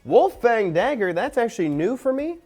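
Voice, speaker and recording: A man's voice: very high-pitched, normal speed, soft background music. Upbeat young man hosting a game stream. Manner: upbeat, excitable, talks with mouth full. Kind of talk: casual live-stream chat while eating.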